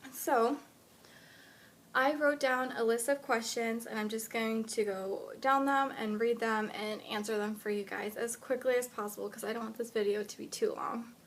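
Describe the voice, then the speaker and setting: Twenty-one and American-accented, this fitness vlogger chats casually with her followers, introducing herself and answering questions in a slightly high voice. Born in the United States, she spent part of her youth in Honduras, and a steady background noise runs clearly through the recording.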